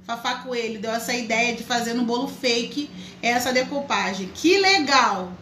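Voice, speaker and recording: A woman's voice: on the high side, normal speed, bright, forceful tone, reverberant, slight background noise, low-quality recording. A woman hosting a live craft tutorial, chatting and greeting viewers by name as she works. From Brazil. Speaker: craft teacher, live stream host.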